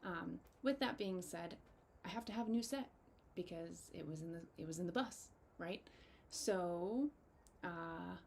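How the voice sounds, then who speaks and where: Young woman, low-ish voice, casual vlog chat, emotional and thankful, faint background hum. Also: vocal fry, darkish tone. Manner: heartfelt, grateful, gets emotional, halting with many ums. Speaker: fantasy photographer and content creator. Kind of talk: casual personal update to viewers.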